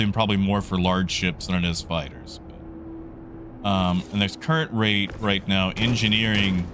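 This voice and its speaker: A man with a voice on the low side hosts a livestream, chatting casually with his viewers in a rambling, conversational way. Background noise can be heard.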